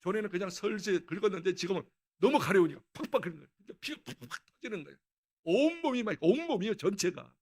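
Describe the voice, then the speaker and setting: A male pastor with a notably high-pitched voice tells a personal testimony during a dawn prayer service. He preaches in an animated, storytelling way, often breaking into laughter. The sound is that of a church sanctuary. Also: quick pace.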